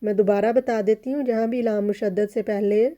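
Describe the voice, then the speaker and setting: A woman teaching recitation rules patiently, repeating each point and chanting the Arabic words in long, drawn-out tones. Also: medium pitch, fairly even intonation, mellow, muffled recording. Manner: patient, repeats each word slowly and often says "theek hai". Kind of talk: step-by-step tajweed lesson.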